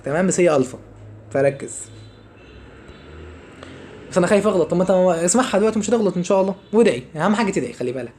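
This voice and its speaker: A man's voice: a little high, darkish tone. A young Egyptian man teaching a lesson, chatty, asking and answering his own questions and running short of breath. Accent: Egyptian Arabic. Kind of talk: lecture to students.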